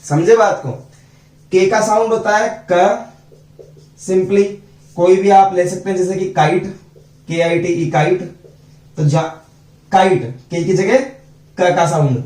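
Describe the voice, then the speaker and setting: High, slow-speaking male teacher, echoey. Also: steady tone, darkish tone. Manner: slow, repeats sounds and asks students questions. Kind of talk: phonics lesson. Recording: echoey room, voice from a distance.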